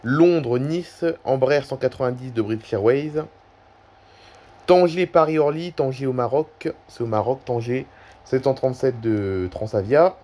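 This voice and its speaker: A man at his desk talks through a flight-tracking map for his video viewers. His delivery is loose and conversational, full of small hesitations and self-corrections. His voice sits at an ordinary, middling pitch. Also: measured pace, warm tone. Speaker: YouTuber. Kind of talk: casual screen-recording commentary.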